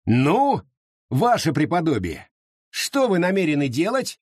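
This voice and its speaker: A man voicing a smug, scheming male settler who speaks loudly and mockingly. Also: a little high, wildly swooping pitch, unhurried, husky, dry recording, clean studio sound, pitched above the performer's own voice, full character voice.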